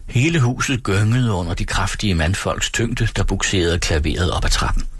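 A man calmly reading a classic novel aloud as an audiobook narrator, on a close microphone. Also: deep voice, husky, dry recording.

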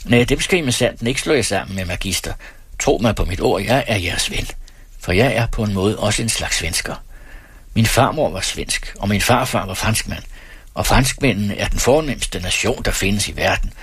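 A man voicing a drunk, boastful, hot-tempered estate steward who talks loudly and haughtily. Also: lowish voice, expressive, breathy edge, no echo. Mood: ranting. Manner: loud and haughty.

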